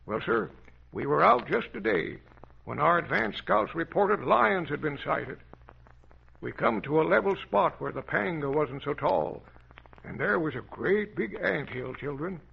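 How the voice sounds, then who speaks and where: A man's voice: a little high, lively intonation, a little slow, exaggerated voice. An actor playing a folksy old adventurer captain who tells children his tales, in 1930s radio acting on an old radio show. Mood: reminiscing. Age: older. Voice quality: gravelly, folksy, chuckling. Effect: old radio show sound. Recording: dull lo-fi old radio recording with faint hiss.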